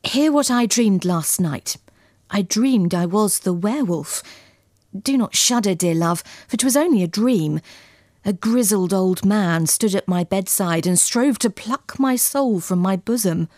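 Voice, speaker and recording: A woman's voice: medium pitch, lively intonation, unhurried, a little mellow, no echo, clean studio sound, lightly acted. A woman voicing a troubled young man who earnestly begs his beloved in archaic speech. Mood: fearful. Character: young man, troubled lover, fearful and pleading.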